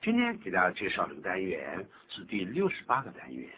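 An older man hosting a radio English lesson, explaining phrases in an animated, teacherly way. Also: low-pitched, fairly quick, husky. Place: radio studio. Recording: tinny lo-fi radio broadcast with faint hum.

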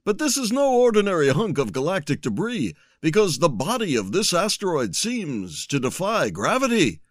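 A man's voice: fairly high pitch, huge pitch swings, normal speed, no echo, studio quality. A man voicing a melodramatic, portentous old sci-fi announcer in the style of a movie trailer. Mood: ominous, dramatic. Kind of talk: mock sci-fi trailer narration.

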